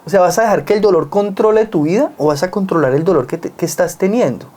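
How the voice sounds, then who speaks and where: An earnest Colombian man speaks in a relaxed, reflective conversation, his tone mellow and warm. He works his points through with plain everyday examples. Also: high voice, quick pace.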